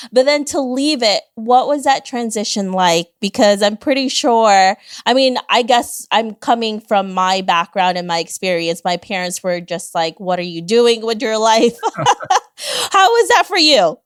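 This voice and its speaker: A woman's voice: medium pitch, no room sound. Upbeat woman podcast host, dry sound. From Philippines. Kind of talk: casual interview chat.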